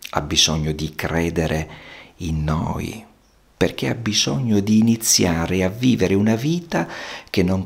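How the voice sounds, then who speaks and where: A man with a very low voice and a gravelly, creaky texture talks about therapy in an unhurried, reflective way. His phrasing is measured and almost poetic, as he lets each thought settle before the next. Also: fairly bright tone. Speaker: psychotherapist. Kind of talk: slow reflective monologue.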